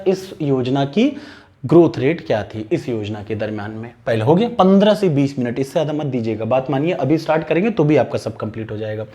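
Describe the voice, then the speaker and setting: A man coaching students for an exam, speaking with a fairly high voice. He gives direct, instructive advice and repeats the key points to drive them home. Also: dark tone. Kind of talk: exam-prep lesson straight to camera.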